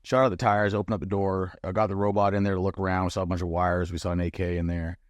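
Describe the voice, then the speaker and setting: Middle-aged man, very deep voice, blunt and profane, animated storyteller, dry close sound. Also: fast talker, dry recording. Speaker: guest, former bomb disposal chief. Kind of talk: casual storytelling conversation.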